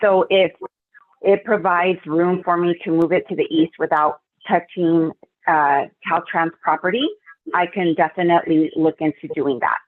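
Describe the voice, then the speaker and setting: A woman's voice: lowish voice, fairly even intonation, moderate pace, no echo. A woman calling in as a utility representative, speaking in a hesitant, careful and businesslike way over a glitchy phone call that keeps breaking up. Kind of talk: public meeting remarks by phone. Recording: tinny, breaking-up phone line.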